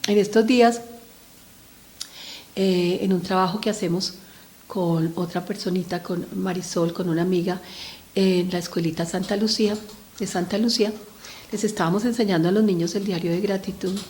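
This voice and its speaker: A woman's voice: fairly low pitch, steady tone, moderate pace, darkish tone. A middle-aged woman giving an earnest talk to parents about children's emotions, speaking to them directly and often checking in with short tag questions. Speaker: speaker on family mental health.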